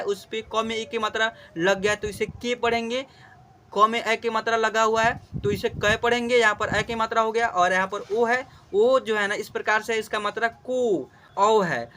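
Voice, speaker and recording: A man gives a patient alphabet lesson to children, explaining each vowel mark step by step. His voice sits high and sounds bright and forceful. Now and then he chants syllables loudly so the students can repeat them. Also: a little hiss or hum. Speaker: teacher.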